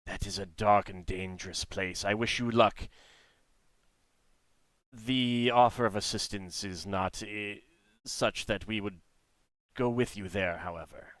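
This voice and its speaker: A man as lizard folk captain, tabletop game, courteous and wary, halting formal speech, low pitch, clean smooth tone. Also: a bit bright, dry recording. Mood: grave, wary.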